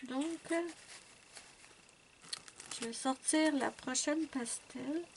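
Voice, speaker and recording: A woman's voice: high voice, slow, vocal fry, a little hiss or hum. A woman, chatting at home as she tests art supplies, thinking aloud to her viewers with many fillers. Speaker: art channel host. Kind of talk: casual chat while swatching art supplies. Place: at home with her cat nearby.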